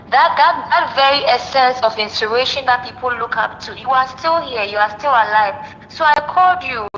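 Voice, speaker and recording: Bright-voiced woman over a phone speaker. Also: a little high, long reverb tail, lo-fi sound, a little hiss or hum. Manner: earnest, encouraging, repeats words. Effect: heard over a phone on speaker. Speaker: caller, a friend of the host. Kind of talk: casual phone call.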